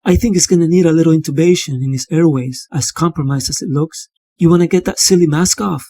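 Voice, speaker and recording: A man's voice: fairly high pitch, fast, mellow, no echo, clean studio sound. A man voicing a brusque, impatient surgeon who barks orders and snipes sarcastically. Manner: barking, sarcastic.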